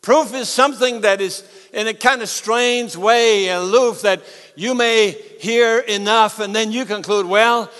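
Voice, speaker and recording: Authoritative high-pitched male preacher in a hall. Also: a bit bright. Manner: authoritative, emphatic; deliberate pauses between short phrases. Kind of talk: sermon to a congregation and broadcast audience. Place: large reverberant hall before a congregation. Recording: long hall reverb.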